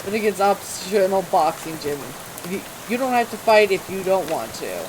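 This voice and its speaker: A playful let's-play gamer reading on-screen dialogue and cracking jokes. The voice swings widely in pitch. Steady rain patters clearly behind. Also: moderate pace, background noise. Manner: animated, jokey, reads dialogue aloud.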